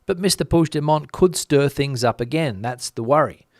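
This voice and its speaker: A man's voice: fairly high pitch, normal speed, no room sound, studio quality. A man hosting a casual commentary show, reading viewer comments and thinking aloud with many fillers and restarts.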